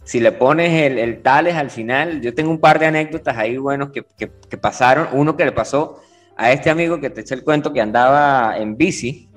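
A man, casually telling funny anecdotes as a lively storyteller who restarts often. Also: mid-range voice, fairly quick, faint music behind.

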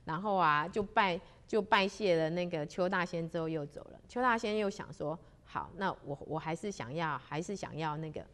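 A woman's voice: on the low side, fairly bright tone. Chatty woman telling a folk tale. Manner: chatty, with many drawn-out particles. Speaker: storyteller. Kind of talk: spoken storytelling of a religious legend.

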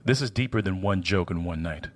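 A man's voice: low-pitched, brisk. Male commentator with emphatic phrasing. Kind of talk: scripted opinion commentary.

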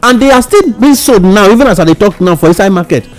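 A man's voice: sits high, animated, quick pace. A man with a Nigerian accent explaining things casually in Nigerian Pidgin as a radio guest. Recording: music bed under the voice.

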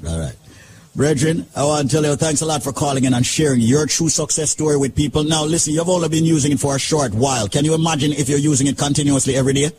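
A man's voice: a little high, quick pace, noisy background. A man hosting a radio talk show, upbeat and persuasive with a sing-song lilt. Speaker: radio host.

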